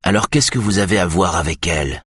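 Steady grave detective, very deep, husky voice, as a narrator plays him. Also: male voice, a little fast, dry recording, studio quality. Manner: calm, grave.

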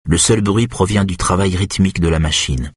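Husky low-voiced male narrator. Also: no echo, clean studio sound. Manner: steady, measured storytelling. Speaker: audiobook narrator. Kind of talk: scripted narration.

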